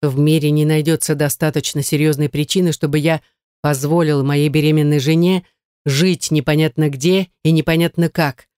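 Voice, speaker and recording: Brief: cold commanding husband, firm clipped orders, dry close read, voiced by a reader. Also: male voice, on the high side, moderate pace, a little mellow, no room sound, lightly acted. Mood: stern.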